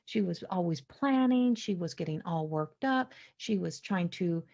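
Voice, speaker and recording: A woman in her forties hosting a podcast, sharing a slow, introspective spiritual monologue that sometimes drops to a hushed whisper. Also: on the low side, expressive, vocal fry, lo-fi sound. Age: 40s. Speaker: podcast host.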